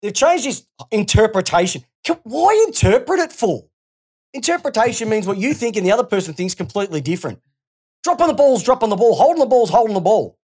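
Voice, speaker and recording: An Australian woman co-hosting a sports podcast, her pitch leaping up and down as she rants. She talks in a loose, sweary, heated way, piling on blunt complaints. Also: fairly quick, slightly rough. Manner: animated, ranting, sweary. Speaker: podcast co-host. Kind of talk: casual sports podcast rant.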